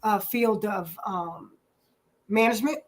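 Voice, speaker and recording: A woman's voice: mid-range voice, slow pace. A woman in her forties from New Jersey, introducing herself in a casual interview, chatty and full of ums. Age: 40s. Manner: chatty, many ums, says "literally" often. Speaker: guest.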